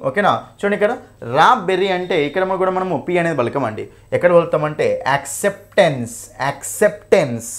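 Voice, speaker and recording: Speaking at a fairly high pitch, a young man with a Telugu accent leads an English grammar revision session before an exam. Each option gets a detailed explanation, the English examples are read out slowly, and he keeps dropping in "okay?" and "right?" and calling his students "nanna".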